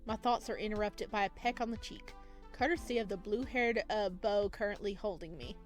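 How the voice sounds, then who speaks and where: A little fast and medium in pitch, this woman giggles and chats through a let's play, reading the visual novel's story text aloud and reacting to it. Music plays behind her casual game commentary.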